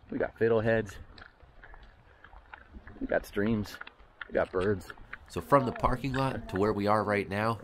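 A man with a fairly low voice narrates and comments on a hike in a casual travel vlog. The recording is rough, with slight background noise and loud music featuring plucked guitar behind him.

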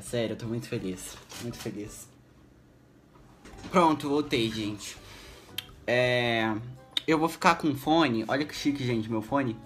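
A young man with a Brazilian Portuguese accent gives excitable, jittery gameplay commentary at his computer, full of exclamations. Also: mid-range voice. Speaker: gaming YouTuber.

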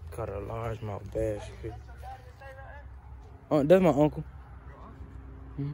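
A man's voice: lowish voice, slow, creaky, noisy background. A young man chatting loosely and directly to his viewers in a casual vlog, recorded on a phone. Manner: loose, rambling, talks straight to viewers. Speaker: vlogger. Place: outdoors by a pond, then indoors in a room. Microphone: phone camera.

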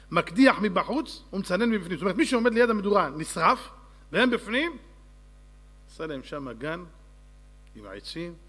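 A rabbi giving a storytelling sermon, acting out the scenes dramatically, jumping between loud cries and hushed asides. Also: male voice, sits high.

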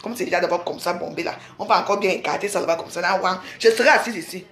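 A woman from Cameroon rants angrily during a live stream from home, scolding and repeating herself. Her voice is lowish, fast and a bit bright, and the room gives it a noticeable echo.

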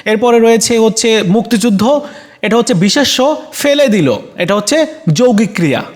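A man's voice: high voice, lively intonation, normal speed. A man with a Bangladeshi Bengali accent walks students through exam answers in a casual way, with fillers and self-corrections. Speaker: teacher.

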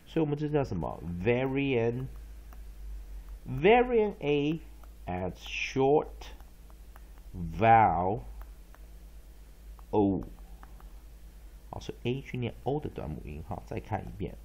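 A man teaching English pronunciation, spelling out letters and repeating words to drill them, often ending phrases with a soft "ha". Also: medium pitch, highs cut off. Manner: tags phrases with a soft "ha" particle. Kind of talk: pronunciation lesson.

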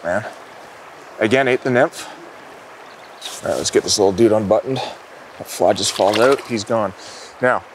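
This fishing show features a thirty-something host standing in a small river, chatting cheerfully and getting thrilled when something takes the bait. He speaks in a lowish voice, and there's a faint hiss or hum in the recording.

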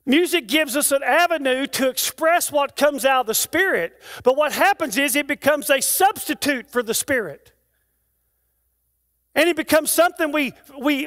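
A man's voice: very high voice, animated, normal speed, a bit bright. A man preaching a sermon in a church, moving from rhythmic declaimed lists to conversational asides to the congregation. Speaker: pastor. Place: church sanctuary.

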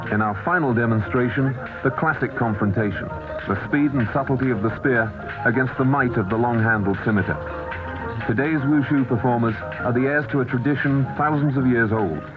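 A man reading scripted documentary narration in a measured, even way, heard from a worn VHS tape copy. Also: medium pitch. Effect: worn VHS tape copy, muffled and lo-fi. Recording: muffled worn videotape with music behind.

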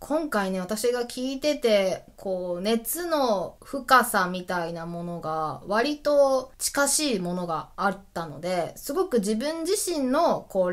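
Woman, solo web radio host, lively swinging pitch, stuffy nose, chatty and excited. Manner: lively, enthusiastic, laughs often. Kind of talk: solo casual radio talk.

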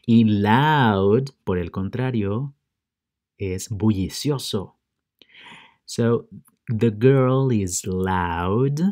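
A man teaching English words to children, repeating each word pair slowly and stressing how to say it. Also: lowish voice, darkish tone. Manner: drills word pairs with slow, careful repetition; stresses English pronunciation for learners. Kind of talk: bilingual vocabulary lesson for children.

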